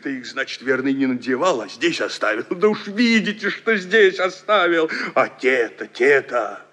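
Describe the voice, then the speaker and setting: A man voicing a calm older uncle who reassures the family in a low, steady voice. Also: moderate pace. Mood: soothing.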